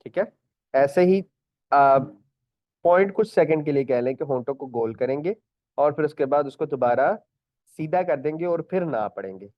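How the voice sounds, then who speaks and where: A man teaching Quran recitation in an online class, patiently repeating each point, stretching out words as examples and clearing his throat often. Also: fairly high pitch, lively intonation, moderate pace, no echo, dull audio.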